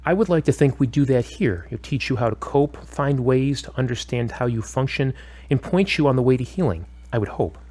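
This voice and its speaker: A man with a medium-pitched voice, lightly acted, portrays a calm but firm therapist who probes in a scripted audio drama. He talks in a measured, instructive, questioning manner that comes across as encouraging.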